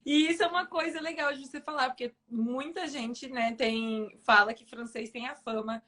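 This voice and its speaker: A woman's voice: high voice, fairly even intonation, normal speed, a bit bright. A woman host from São Paulo state in Brazil, interviewing enthusiastically and speaking directly to her audience. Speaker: host and mentor. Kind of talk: casual interview chat.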